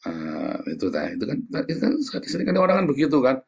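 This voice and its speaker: A middle-aged man gives a sermon in a loose, chatty way and keeps turning to his listeners for agreement. His voice is husky and sits at an average pitch. When he quotes other people he acts them out in a raised voice. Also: huge pitch swings, quick pace, darkish tone, muffled recording. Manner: conversational, often asks the audience "ya kan?". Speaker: pastor.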